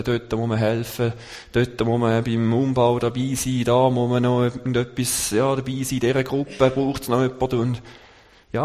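Male lay preacher, halting delivery, slows on quotes; long hall reverb. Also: medium pitch, a little mellow. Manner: halting, searching for words, slowing on scripture quotes. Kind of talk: sermon.

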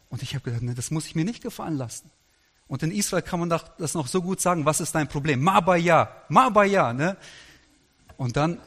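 A middle-aged male pastor preaching a sermon, telling stories with quoted dialogue in a lively anecdotal way. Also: fairly high pitch. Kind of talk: sermon storytelling. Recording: long hall reverb.

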